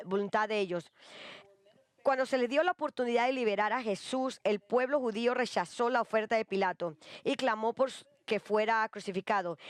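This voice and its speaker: A woman's voice: a little high, clear, resonant tone, dry recording. A woman giving a live interpretation of a sermon, hesitant, with frequent fillers and restarts.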